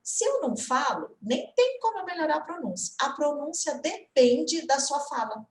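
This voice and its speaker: A Brazilian woman teaches English online with a lively, swooping voice, quizzing her student as she explains. Her voice sits a bit high. The room around her is echoey. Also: normal speed, slight background noise. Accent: Brazilian Portuguese.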